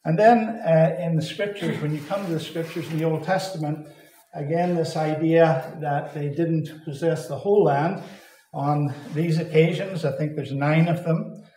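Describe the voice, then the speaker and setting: A man from Canada, giving a deliberate Bible teaching address that repeats and stresses key words. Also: on the high side, steady tone, mellow. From Saskatchewan, Canada. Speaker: Bible conference speaker. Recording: echoey hall.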